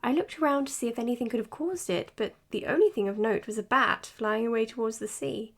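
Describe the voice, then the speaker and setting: In an audio drama, a woman plays a psychologist recording her clinical case notes. Her voice is slightly high and fairly quick, and she sounds earnest, tired, and matter-of-fact.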